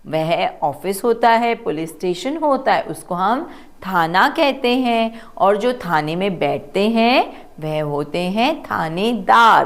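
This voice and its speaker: A woman teaching children to read, sounding out words slowly syllable by syllable and asking them to repeat. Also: mid-range voice. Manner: slow, drawn-out syllable-by-syllable pronunciation. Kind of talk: children's reading lesson.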